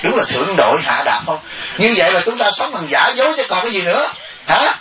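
Animated monk giving a dharma talk. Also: male voice, sits high, quick pace, a little hiss or hum. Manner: animated, jokey, mimics laypeople. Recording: distant echoey lo-fi recording.

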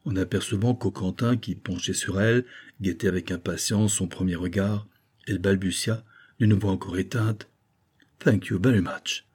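A man narrating an old serial novel as an audiobook, in a theatrical, lively storytelling manner. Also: low voice, normal speed, husky.

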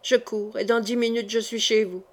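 A woman's voice: on the high side, steady tone, normal speed, close to an everyday voice. A woman voicing a young king in an audiobook, urgent and grief-stricken as he gives orders and cries out. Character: young man, a desperate fleeing king. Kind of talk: audiobook character reading.

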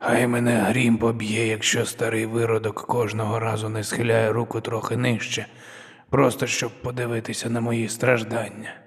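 A man's voice: on the low side, little pitch movement, moderate pace, slightly rough, no echo, clean studio sound. A man voicing a crippled male inquisitor with a wry, sardonic manner.

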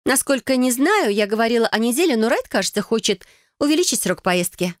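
A woman's voice: fairly high pitch, lively intonation, brisk, no echo, clean studio sound, pitched above the performer's own voice, lightly acted. Woman voicing a smug, taunting young cousin. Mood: mocking. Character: haughty mocking young woman, scheming cousin. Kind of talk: audiobook character voicing.

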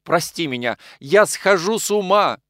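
Figure: a desperate, hot-tempered young man as a male reader voices him. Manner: loud, pleading, high-pitched. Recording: dry, close. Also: brisk, dry recording, natural voice. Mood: imploring. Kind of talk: audiobook character reading.

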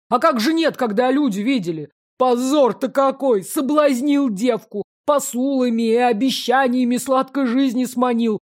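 A woman voicing a burly, angry middle-aged peasant father who bellows slowly and indignantly. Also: on the high side, darkish tone, natural voice.

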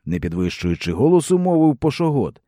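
Expressive male audiobook narrator. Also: mid-range voice, a little fast, no echo, studio quality. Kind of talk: scripted narration of a historical novel.

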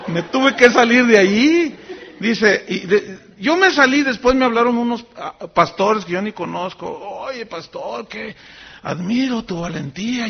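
Male pastor, sermon storytelling, gravelly voice, pitch swinging widely. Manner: animated, acts out quoted voices with sudden high pitch jumps. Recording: dull lo-fi sermon recording.

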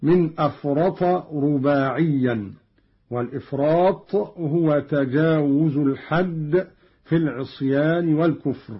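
Slow, husky man explaining on old radio. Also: fairly high pitch. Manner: measured, carefully spelled-out phrasing. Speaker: teacher of recitation readings. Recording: dull lo-fi old radio recording.

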